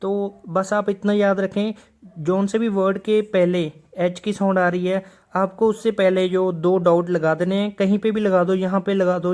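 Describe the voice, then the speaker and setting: A man's voice: high voice, darkish tone. Patient man teaching a lesson. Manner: patient, repeats each example word twice. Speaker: shorthand teacher. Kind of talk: video lesson explaining.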